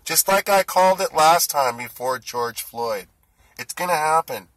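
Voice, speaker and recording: A man's voice: medium pitch, sharp tone, poor audio. A man in his forties giving an indignant, ranting monologue to the camera. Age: 40s. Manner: indignant, ranting, rising heat. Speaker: food delivery driver.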